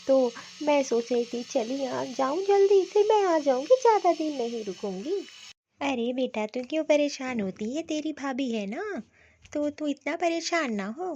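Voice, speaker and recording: A woman's voice: sits high, lively intonation, a little slow, dark tone, a little hiss or hum. A woman voicing a fussy, doting older mother-in-law who talks in a soothing, reassuring way to her daughter in a cartoon. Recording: dull lo-fi recording.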